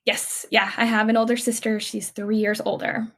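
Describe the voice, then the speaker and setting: Here the Californian podcast guest, a woman in her thirties, speaks at normal speed in a fairly high, slightly bright voice with little pitch movement. Her family stories come out chatty and rambling in casual conversation, with many restarts, fillers and easy laughter.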